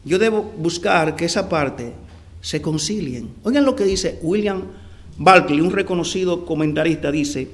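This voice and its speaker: A man preaching a sermon, addressing listeners as brother, stretching out key words for emphasis and letting phrases sink low at the ends. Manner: preaching with slow drawn-out emphasis and sinking phrase endings.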